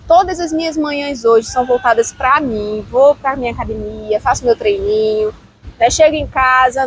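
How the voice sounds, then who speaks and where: A psychologist with a Brazilian Portuguese accent speaks as a guest in a relaxed interview. She has a high voice and tells her own story in an animated, expressive way. A faint background noise sits under her voice. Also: poor audio. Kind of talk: casual interview chat, personal storytelling.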